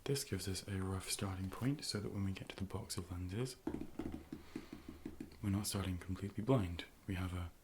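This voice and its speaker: Heavy background noise surrounds a low-pitched man doing an optician ASMR role play at a moderate pace. He stays soft, breathy and calm near the mic, frequently whispering as he gently instructs and reassures.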